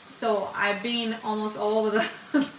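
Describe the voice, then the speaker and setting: A woman's voice: mid-range voice, level tone, normal speed, roomy sound, a little hiss or hum, rough recording. A woman in her forties from the Dominican Republic, chatting to viewers as she cooks on a live stream in her home kitchen. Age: 40s. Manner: chatty, talks to viewers while cooking. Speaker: cooking channel host. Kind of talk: casual live cooking stream.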